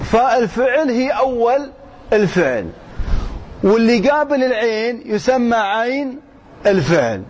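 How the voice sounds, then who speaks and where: A man teaching grammar, reading a text slowly and then explaining it while quizzing his listeners. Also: very high voice. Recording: dull lo-fi sound with faint noise.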